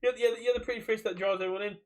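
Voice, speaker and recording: This British man co-hosting a podcast talks rapid-fire about a card game community, rambling and repeating his phrases. His high-pitched voice stays fairly even in intonation, and the audio is poor.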